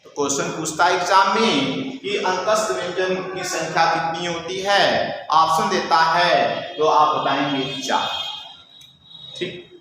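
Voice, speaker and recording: A man's voice: a little high, measured pace, sharp tone, a little hiss or hum. A male teacher giving a step-by-step classroom lecture, asking and answering his own questions and repeating key terms. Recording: echoey room with long reverb.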